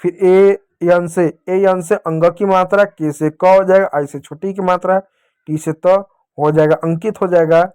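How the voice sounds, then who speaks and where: Male teacher, patient, spells words out for kids, clear, slightly high voice. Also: fairly even intonation, darkish tone. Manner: patient, repeats words slowly and calls the kids dear children. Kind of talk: children's reading lesson.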